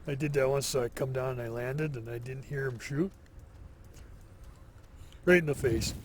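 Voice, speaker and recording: A man giving relaxed solo commentary as he plays, slow and musing, thinking aloud to himself. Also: mid-range voice, a little hiss or hum. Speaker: gameplay commentator.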